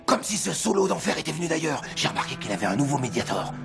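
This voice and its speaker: A secretive male music-shop clerk who guards old legends, speaks in a gravelly, conspiratorial hush. His pitch roams lively up and down, with music under him. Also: fast talker. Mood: storytelling. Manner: hushed, whispering, conspiratorial. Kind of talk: French film dub.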